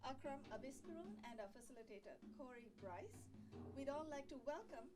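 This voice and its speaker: A woman hosting a yoga show in a TV studio, chatting warmly and encouraging viewers, laughing easily. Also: sits high, animated, fairly quick, distant mic, music in the background. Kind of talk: friendly studio chat.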